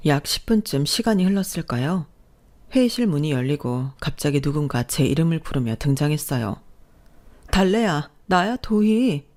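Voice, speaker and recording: A middle-aged woman narrating a first-person real-life story in a calm, even storytelling way. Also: sits low, fairly quick.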